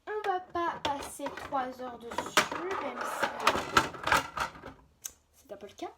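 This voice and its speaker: A woman's voice: high-pitched, expressive, slow pace. A young woman chatting casually and hesitantly in a homemade vlog, often interrupting herself, with colloquial, mildly sweary wording, recorded on a phone. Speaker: hobby video creator. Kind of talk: casual vlog, rambling chat while showing a toy collection. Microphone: phone on a tripod or handheld. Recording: phone recording with clear background noise.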